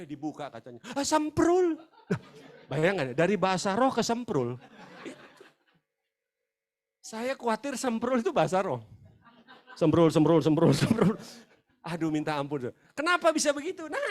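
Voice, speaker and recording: A man preaching a humorous sermon, animated and jokey, acting out voices and breaking into laughs. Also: high voice. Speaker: pastor.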